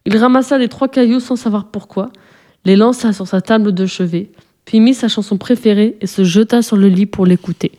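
Woman reading a kids' story aloud, mellow warm voice, calm and even. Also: medium pitch, fairly quick. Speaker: narrator. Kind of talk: scripted storybook narration.

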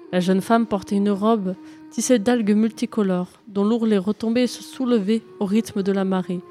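A woman narrating a fairy tale in calm, even storybook reading. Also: mid-range voice.

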